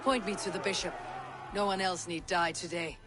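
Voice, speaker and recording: Man acting a high-pitched, stern medieval warrior. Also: steady tone, moderate pace, background noise, close to an everyday voice. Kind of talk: dramatic video game acting. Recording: game music over voice.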